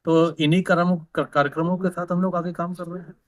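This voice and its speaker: A man's voice: high voice, little pitch movement, a little fast, no room sound. A man, a government official, answering press questions in an explanatory way, with many fillers and restarts.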